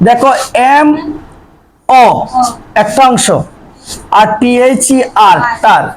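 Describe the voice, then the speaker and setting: A man's voice: extremely high pitch, lively intonation, measured pace, a little hiss or hum, rough recording. A man teaching a language class, asking the students questions and answering them himself, repeating key terms. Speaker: English teacher. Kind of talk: classroom lecture.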